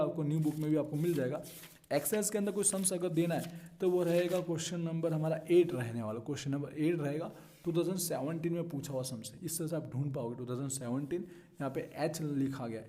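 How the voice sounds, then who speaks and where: Male accounting tutor. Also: fairly high pitch. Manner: steady teacherly walkthrough, checks in with students. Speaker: commerce tutor. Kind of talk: explaining an accounting solution.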